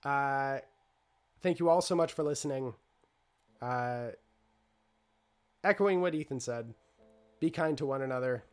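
A man's voice: medium pitch, measured pace, long pauses, clean tone. A man hosting a tabletop role-play podcast, wrapping up the show in an upbeat way with lots of "uh" fillers. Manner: upbeat, promotional, with many "uh" fillers. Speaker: storyteller and podcast host. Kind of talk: podcast sign-off.

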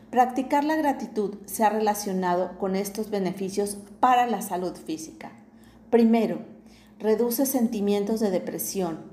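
A woman narrates an inspirational reflection slowly and deliberately, pausing between phrases. Her voice is mellow and warm, at a middle pitch. The recording has a noticeable roomy echo. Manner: measured, deliberate reading with pauses between phrases.

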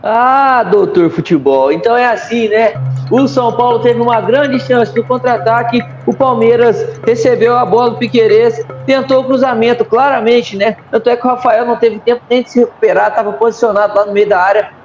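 High-voiced Brazilian man analysing football, roomy sound. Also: fairly even intonation, brisk, soft background music. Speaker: football commentator. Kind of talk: live match analysis. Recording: dull, roomy sound with faint noise.

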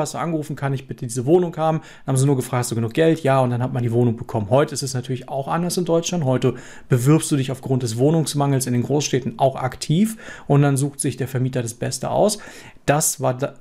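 Here a middle-aged software developer vlogger from Germany, with a standard Hanover accent, chats to camera about his own life. His mellow voice sits at medium pitch, and his casual talk is full of fillers and restarts.

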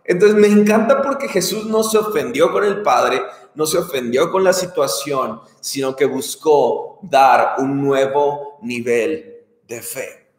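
Slow, earnest preacher man in echoey hall. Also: medium pitch. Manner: earnest, repeats key phrases for emphasis. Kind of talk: sermon. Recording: echoey hall with long reverb.

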